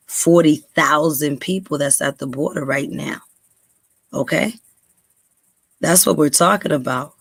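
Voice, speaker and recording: A woman's voice: low voice, dry recording. Dry-voiced New woman talking. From New York, USA. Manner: conversational, frequent ums, speeds up when stressing points. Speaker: podcast host. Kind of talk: casual commentary and reading aloud.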